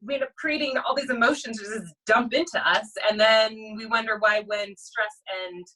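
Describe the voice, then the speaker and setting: Brief: young woman, crisp bright voice, earnest and animated, sitting back from the mic, casual spiritual chat. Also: a little high, normal speed. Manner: earnest, animated, repeats herself. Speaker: co-host. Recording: distant mic.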